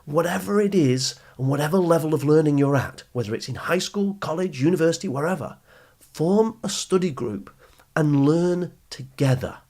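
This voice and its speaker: He speaks at a fairly high pitch, expressive and a touch mellow, at a moderate speed. A coach and host of a teen educational podcast, he delivers a motivational talk straight to the listener, urging and teaching with emphasis.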